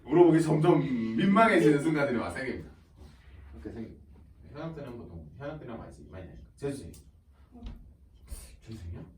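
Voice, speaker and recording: A male high school teacher talking casually to his students, chatty and animated, often acting out students and teachers in quoted asides and laughing along the way. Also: rapid-fire, crowd noise. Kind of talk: casual classroom talk to students. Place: classroom. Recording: roomy classroom sound from a distant mic.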